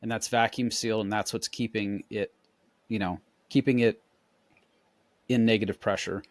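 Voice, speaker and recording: A man co-hosting a podcast, chatting in a relaxed, explanatory way and demonstrating as he talks. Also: lowish voice, moderate pace, dry recording. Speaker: podcast co-host. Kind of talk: casual chat.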